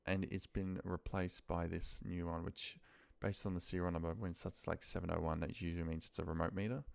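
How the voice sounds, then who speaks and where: In a dry recording, a man with a low voice, level tone, and vocal fry talks fairly quickly through computer work on a screen recording. The office worker is demonstrating data entry, thinking aloud informally in brief muttered bits.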